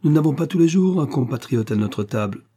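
A man's voice: on the high side, animated, fairly quick, warm tone, husky, pitched above the performer's own voice. A man voicing a hearty, loyal middle-aged farmer in an audiobook, jovial and earnest.

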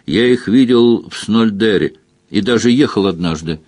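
A soft-spoken, thoughtful male companion, read by a man in an audiobook. He keeps his lines quiet and measured, in a low voice. The recording is dry and close. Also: dry recording, lightly acted. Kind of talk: audiobook character voice.

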